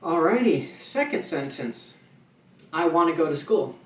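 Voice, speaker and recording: A man teaching sign language in a relaxed, chatty way, with fillers and restarts, slowing down to mouth his example sentences. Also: a little high. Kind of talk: casual instructional video. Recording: echoey room, voice a little far from the mic, faint ambient noise.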